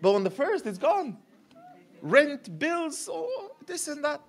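Speaking slowly in a very high-pitched voice, a pastor in his thirties delivers a sermon at a podium mic in a church hall with a curtained stage. He gestures animatedly and repeats words often as he builds each point.

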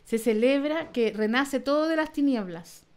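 A woman with a Chilean Spanish accent speaks in a smooth, clear, fairly high voice. She is a casual chat host who explains things in an animated, irreverent way, tossing slang into her talk. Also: moderate pace. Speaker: podcast host.

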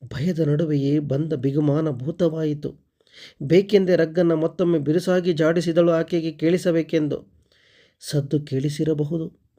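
A man reading a short story aloud as narrator and teacher, steady and expressive. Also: a little high, a little slow.

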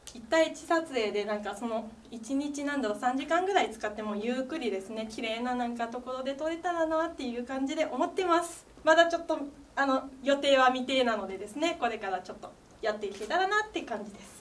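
A young woman, an idol singer, chatting to the crowd between songs at a small live studio, bubbly and quick to laugh. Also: sits high. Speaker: idol singer doing stage talk. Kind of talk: live stage MC chat. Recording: distant live-room sound with faint ambience.

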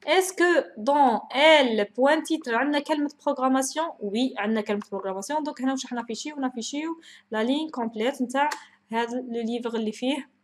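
A woman lecturer with an Algerian Arabic accent, walking through a programming procedure, mixing in French terms and asking and answering her own questions. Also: sits high.

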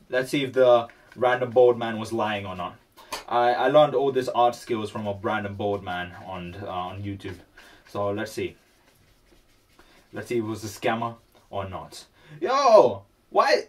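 A man's voice: fairly low pitch, moderate pace, darkish tone, far from the mic. A man vlogging casually while he paints, rambling and talking to himself.

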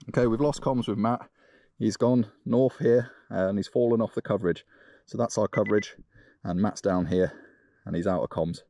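A man's voice: mid-range voice, dark tone. A man giving a live spoken tech demonstration outdoors on an action camera. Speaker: product demonstrator. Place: outdoors on a woodland bike trail. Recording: outdoor noise, clicks.

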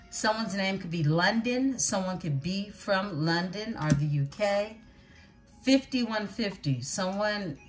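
A woman giving a tarot reading, calling out names and signs in an unhurried way and calling her viewers beautiful ones. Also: on the low side. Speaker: tarot reader.

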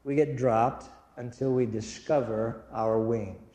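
A man's voice: mid-range voice, steady tone, slow, mellow. A man giving an earnest inspirational church talk, telling stories and speaking directly to his audience. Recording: echoey hall with long reverb.

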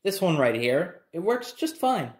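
Speaking to the camera from his living room beside a window, a young adult man vlogger casually tells a personal story. His voice is high, with big swings in pitch, and he keeps a measured pace.

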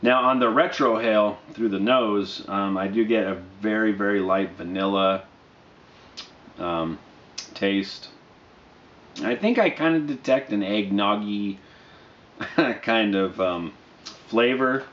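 A man in his thirties reviews a product casually in a fairly low voice. He is unhurried and low-key, often halting between phrases. The sound is dull and roomy, picked up by a camera mic indoors. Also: a bit bright, a little hiss or hum. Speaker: pipe tobacco reviewer. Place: small dim living room, indoors.

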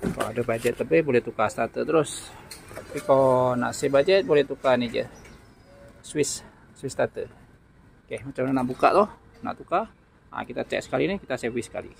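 A man's voice: mid-range voice, a little fast, vocal fry, long pauses, slight background noise. A man with a Malaysian Malay accent, a mechanic chatting casually to viewers as he shows a repair outdoors. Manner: chatty, talks to viewers while working. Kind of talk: casual how-to explanation. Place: outdoor workshop floor.

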